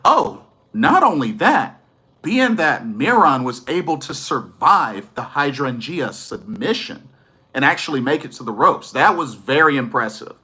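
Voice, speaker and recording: A man's voice: mid-range voice, sharp tone. A man giving a casual, enthusiastic wrestling review, rambling a little and correcting himself as he goes.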